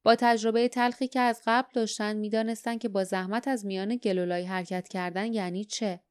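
A woman's voice: medium pitch, fairly even intonation, a little mellow, clear, resonant tone, no room sound, clean studio sound. A woman narrating an audiobook in scripted storytelling style, sometimes giving characters' lines their own voices.

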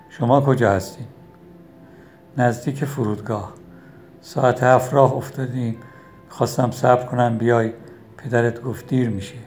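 A man's voice: mid-range voice, a little mellow, close to an everyday voice. A man reading a fussing, caring mother. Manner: fussing, pleading. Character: caring, insistent middle-aged mother.

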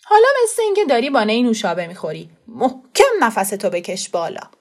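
A woman voicing a bratty, boastful little boy who bosses others around in a taunting, shouty way. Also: mid-range voice, huge pitch swings. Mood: coaxing. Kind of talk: audiobook character voice.

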